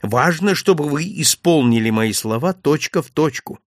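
A man voicing a calm, didactic Italian male detective in an audiobook reading, speaking in a lecturing, commanding manner. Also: fairly high pitch, normal speed, no room sound, clean studio sound, pitched above the performer's own voice, lightly acted. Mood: instructive.

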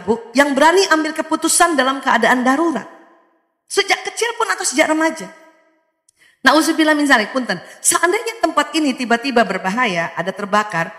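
A woman giving a lively parenting lecture to a hall of mothers. She often questions her listeners and laughs as she talks. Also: high voice, a little fast. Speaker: parenting speaker. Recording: echoey hall with long reverb.

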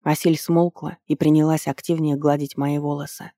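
Brief: woman audiobook narrator, dark mellow timbre, steady storytelling delivery. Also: low-pitched, normal speed, no echo, studio quality. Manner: even, storytelling delivery with lively lifts on dialogue. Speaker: audiobook reader. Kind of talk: first-person fantasy audiobook narration.

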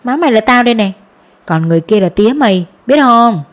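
A woman's voice: on the high side, lively intonation, fast, lightly acted. A woman reading a bossy scheming village wife. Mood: coaxing. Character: scheming middle-aged village wife, sharp-tongued. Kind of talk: audiobook narration.

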